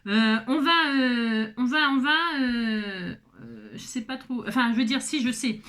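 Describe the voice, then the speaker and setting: A woman's voice: on the high side, unhurried, a bit bright. A woman giving a casual crafting tutorial, chatting to viewers with playful, self-mocking asides and a constant "hein". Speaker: craft vlogger.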